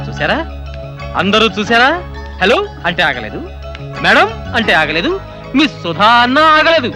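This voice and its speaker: A man's voice: sits high, sing-song, unhurried, pauses often, music in the background. An actor playing a cheeky young man who teases and pesters a woman doctor in a comedy film scene. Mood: teasing. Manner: playful, teasing, mock-pleading.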